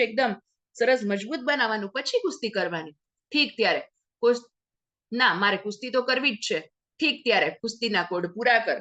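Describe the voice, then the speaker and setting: A woman teacher reading a story aloud and explaining each phrase in simpler words, briefly acting out the characters' lines. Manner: lively, acts out the characters' lines with sudden pitch jumps. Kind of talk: explaining a textbook lesson. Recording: dull lo-fi sound.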